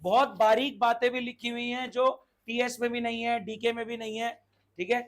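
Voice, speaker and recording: A man's voice: extremely high pitch, little pitch movement. A man teaching a commerce class, quizzing and scolding his students as he explains. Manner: brisk, scolding, asks the class questions. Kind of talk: classroom lecture.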